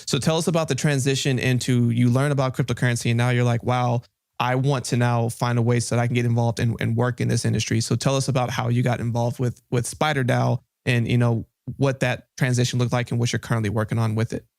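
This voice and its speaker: A man's voice: mid-range voice, level tone, quick pace, creaky, a little mellow, no room sound, clean studio sound. A male podcast host, upbeat and casual, welcoming a guest and asking questions with brief affirmations. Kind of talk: casual interview hosting.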